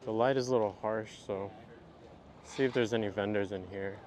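Low-voiced man vlogging a flea market. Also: fairly quick. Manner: relaxed, chatty running commentary while browsing. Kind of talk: casual vlog narration. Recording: noisy outdoor market.

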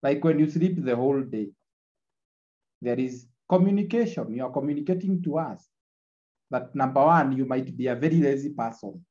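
A man gives an online lecture, captured in a screen recording of the video call. His voice is dark and mellow, and the audio is muffled and lo-fi. He repeats key lines and keeps checking in with the class. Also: mid-range voice, expressive, normal speed. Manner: repetitive, checks in with tag "eh?".

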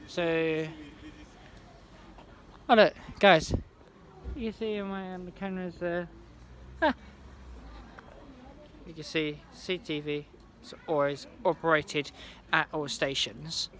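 A young man vlogging on a railway platform, talking in a halting, rambling way with many restarts, into a phone held at arm's length. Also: a little high, fairly even intonation, fairly bright tone, slight background noise. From England. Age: young adult. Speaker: trainspotting vlogger. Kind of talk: casual handheld vlog. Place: outdoor railway station platform.

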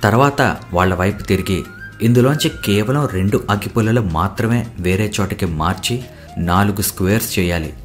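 Deep male narrator for a novel, even delivery, soft music under. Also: moderate pace. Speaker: audiobook narrator. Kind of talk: scripted narration.

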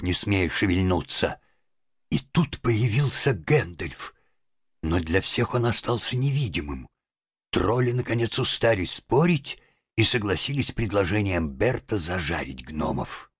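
A man reading a fairy-tale audiobook aloud with expressive storytelling. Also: fairly low pitch, slightly rough, no room sound, clean studio sound. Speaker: audiobook reader. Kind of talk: audiobook narration.

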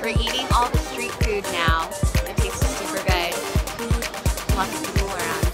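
A woman's voice: medium pitch, moderate pace, loud music behind the voice. A young woman in a casual chat with friends, cheerful and asking curious questions. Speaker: friend on the trip.

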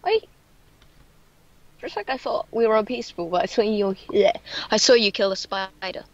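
A young woman chatting excitably as she hosts a casual gameplay let's play. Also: medium pitch, normal speed, dry recording. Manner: chatty, excitable, sing-song chanting. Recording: dull lo-fi mic.

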